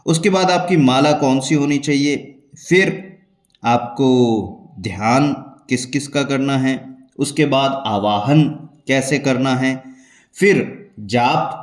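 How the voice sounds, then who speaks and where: A man calmly explaining the steps of a devotional ritual as a spiritual teacher, measured and repeating key points for emphasis. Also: medium pitch. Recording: echoey room.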